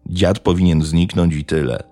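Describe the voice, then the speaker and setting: A man voicing an uneasy village man who speaks slowly and schemes in a low mutter. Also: fairly even intonation, dark tone, no room sound, soft background music, close to an everyday voice.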